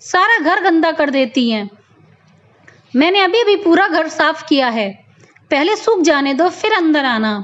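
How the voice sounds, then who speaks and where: A woman's voice: very high-pitched, sing-song, unhurried, highs cut off, full character voice. A woman voicing a snappish scolding daughter-in-law. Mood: curt, scolding. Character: sharp-tongued young elder daughter-in-law, scolding and impatient.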